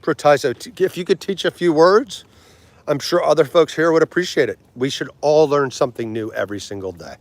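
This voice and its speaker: In a dry recording, a man in his forties with a slightly high voice hosts a casual livestream. He chats with viewers, laughs easily, and works through foreign words slowly.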